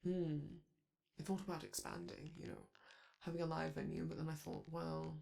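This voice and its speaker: Fairly even intonation, vocal fry and a moderate pace mark this medium-pitched, slightly mellow voice. It belongs to a performer playing a flamboyant, vain, charming male robot TV star who flirts with the listener in a fond, theatrical romantic audio roleplay.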